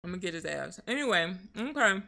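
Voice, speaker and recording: A woman telling a story on a live stream, animated and profane, often breaking into laughter. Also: lowish voice, fairly quick, gravelly. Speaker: streamer co-host.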